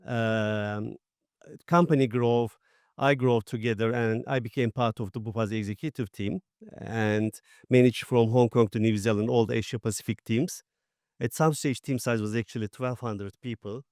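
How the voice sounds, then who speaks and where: A man's voice: mid-range voice, steady tone, moderate pace, darkish tone, dry recording, clean studio sound. A middle-aged man from Turkey with a Turkish accent, speaking plainly in slightly broken English as a panel guest. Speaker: panel guest, former IT executive. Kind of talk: conference panel talk.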